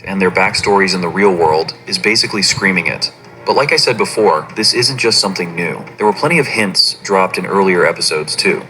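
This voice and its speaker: A man giving scripted narration of a fan theory in an even, explanatory way. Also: sits low, fairly quick, faint music behind, rough recording.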